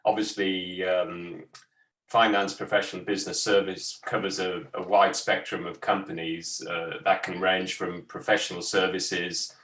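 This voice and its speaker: A man's voice: sits low, flat delivery, unhurried, a bit bright. A man speaking as a sector advisor over a video call, hesitant and full of ums and restarts, in an echoey room far from his mic. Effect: heard over a video call.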